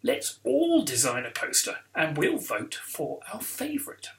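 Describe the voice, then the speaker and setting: A man's voice: a little high, wildly swooping pitch, a little slow, vocal fry, fairly bright tone, exaggerated voice, rough recording. A man voicing a big, posh, jolly supply teacher with grand, old-fashioned phrasing in a children's book reading. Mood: delighted.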